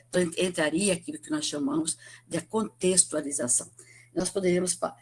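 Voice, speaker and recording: A woman with a Brazilian Portuguese accent lectures over a video call, her voice low and slightly husky. Her intonation swings widely as she explains, and she keeps adding tag questions and restarting phrases. It sounds like an academic talk given remotely.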